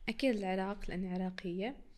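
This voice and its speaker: This podcast guest, a young woman from Iraq, talks at a racing speed in a medium-pitched, slightly mellow voice. In the relaxed interview she keeps laughing, and her speech mixes Syrian and Iraqi Arabic dialects.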